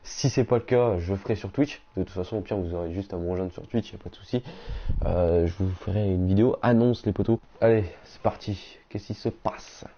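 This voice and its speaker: A young man chatting casually on a game live stream, reading out viewers' messages and answering them in slangy, relaxed talk. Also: low voice, fast. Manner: slangy, reads chat aloud and answers viewers. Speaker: gaming streamer. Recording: dull lo-fi stream audio.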